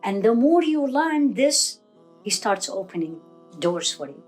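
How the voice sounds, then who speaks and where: A woman's voice: a little high, sing-song, a little slow, soft background music. A middle-aged woman from Iraq giving religious advice in an interview, earnest and fond of rhetorical questions. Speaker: guest speaker, Islamic teacher.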